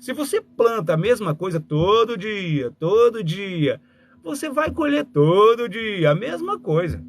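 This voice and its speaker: A man giving a motivational live talk as a communication mentor, speaking straight to his listeners and acting out little dialogues. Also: high-pitched.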